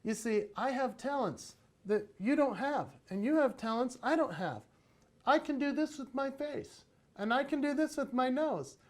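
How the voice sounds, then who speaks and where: A man giving a playful, animated motivational talk on parenting at a conference, acting out little voices as he goes. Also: extremely high pitch, moderate pace. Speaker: keynote speaker on parenting.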